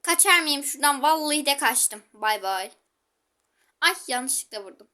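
High, bright-voiced woman gaming. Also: animated, moderate pace. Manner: chatty, exclaiming, talks to viewers while playing. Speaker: gaming channel host. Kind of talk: live gameplay commentary.

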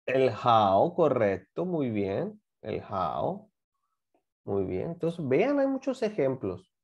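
A man's voice: medium pitch, very animated, slow, vocal fry, dull audio. A man teaching a class, patiently explaining grammar and repeating examples while asking students to join in. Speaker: English teacher.

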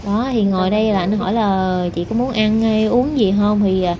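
A woman's voice: medium pitch, steady tone, normal speed, a loud crowd. A young woman, chatting casually to her viewers in a hair salon, full of fillers and asides. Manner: rambling, many fillers, addresses viewers directly. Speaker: vlogger. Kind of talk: casual vlog narration. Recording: noisy background.

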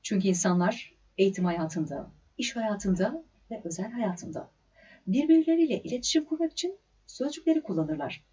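A woman diction instructor giving a scripted lecture, with clear, measured delivery, deliberate stresses and pauses. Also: medium pitch, mellow. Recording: slightly dull lo-fi recording.

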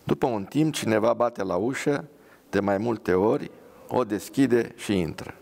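A man reading his drama aloud and reflecting in a measured way, pausing often. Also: on the low side, gravelly, darkish tone. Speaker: writer reading his work.

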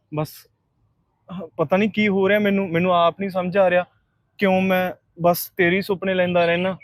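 A man's voice: on the high side, no room sound, close to an everyday voice. An actor with a Punjabi accent playing an earnest, apologetic young man in love who keeps pleading with a nurse. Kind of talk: short film acting.

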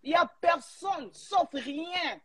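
A woman's voice: very high-pitched, animated, slow, fairly bright tone, no room sound. A Congolese woman in a heated live chat, speaking emphatically and indignantly, switching between languages. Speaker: live stream participant.

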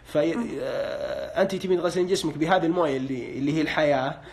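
A man's voice: a little high, fast, gravelly, darkish tone, breathy edge. A man on a live broadcast, interpreting dreams and asking callers short questions, with a pious, hedging way of speaking. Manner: hedging with religious phrases.

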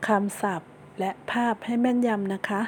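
A woman's voice: mid-range voice, rough recording. Patient woman teaching small children. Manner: patient, coaxing, repeats and spells words slowly for children. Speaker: kindergarten teacher. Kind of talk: online lesson for young children. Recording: steady background noise.

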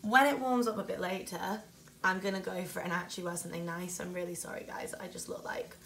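A woman's voice: lowish voice, fairly even intonation, quick pace, gravelly, fairly bright tone. Chatty Yorkshire woman vlogging. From Yorkshire, England. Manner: chatty, self-deprecating, rambling asides. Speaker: travel vlogger. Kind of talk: casual vlog chat to camera. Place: out and about in a city, indoors and outdoors. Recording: vlog with music behind.

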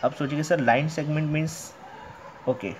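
A male math teacher explaining a textbook lesson to young pupils, asking questions and answering them himself, and reading the textbook's English lines out slowly. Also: on the high side, fairly even intonation, a little hiss or hum. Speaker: primary school math teacher.

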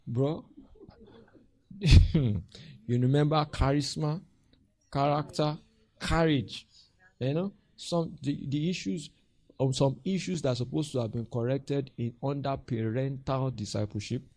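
A man's voice: mid-range voice, a little slow, no room sound. A man, a pastor mentoring a group and telling stories with acted-out voices and frequent laughs. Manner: animated storytelling, acts out voices and laughs often.

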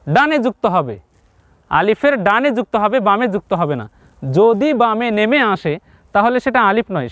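High-voiced Bangladeshi male Quran teacher. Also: fairly bright tone, no echo. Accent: Bangladeshi Bengali. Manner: drills syllables slowly, asks and answers his own questions. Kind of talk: step-by-step recitation lesson to viewers.

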